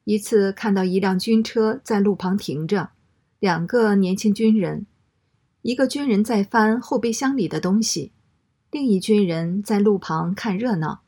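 A woman reading a first-person story aloud in a steady, matter-of-fact way. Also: medium pitch, measured pace, breathy edge.

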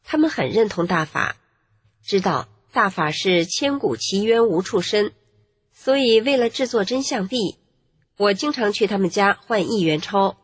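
A woman narrating her own life story in an earnest, measured way. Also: mid-range voice, animated, husky. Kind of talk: first-person testimony narration. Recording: long reverb with faint music.

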